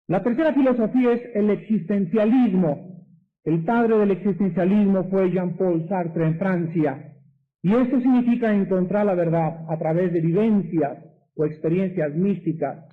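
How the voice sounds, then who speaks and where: A man preaching a radio sermon, emphatic and full of rhetorical questions. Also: high-pitched. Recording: tinny radio broadcast.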